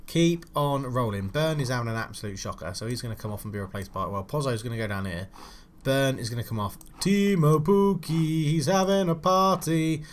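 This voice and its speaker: Man, young adult, casual game commentary, frustrated, swearing, mid-pitched voice. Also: fairly quick, a little hiss or hum. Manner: frustrated, swears, loud outbursts at his team. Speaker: gaming channel host.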